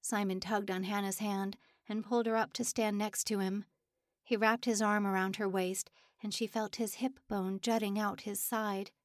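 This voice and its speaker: A woman narrating an audiobook in a steady, measured storytelling voice. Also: medium pitch, no echo, clean studio sound.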